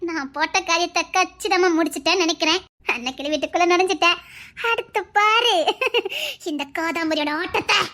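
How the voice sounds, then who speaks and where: Someone doing Kothambari, a shrill wailing village aunt. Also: brisk, sharp tone. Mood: scheming aside. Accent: Tirunelveli Tamil. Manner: melodramatic wailing, sly asides. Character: scheming middle-aged aunt Kothambari, wailing fake tears. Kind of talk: comedy skit acting.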